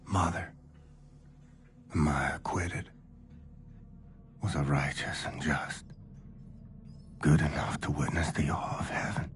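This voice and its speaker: An actor playing a mortally wounded, delirious soldier in a video game, murmuring slow, solemn, poetic lines in a gravelly whisper. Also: male voice, a bass voice, steady tone. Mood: despairing. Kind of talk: dramatic inner monologue in a video game.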